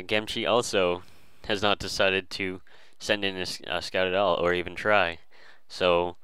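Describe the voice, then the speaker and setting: Man, low voice, very clear and crisp, dry close sound, casual game commentary, halting with fillers. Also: sharp tone, no room sound, poor audio. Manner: hesitant, many fillers and restarts.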